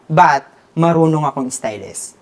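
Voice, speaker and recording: A man's voice: fairly high pitch, measured pace. A man with a Filipino accent, a hair stylist and guest, telling his story in a casual interview and switching between Tagalog and English.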